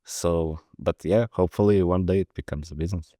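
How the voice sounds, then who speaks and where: Deep-voiced Portuguese man, halting speech. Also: warm tone, no room sound, clean studio sound. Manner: hesitant, many restarts and fillers. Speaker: podcast guest, protocol lead. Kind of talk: casual interview answers.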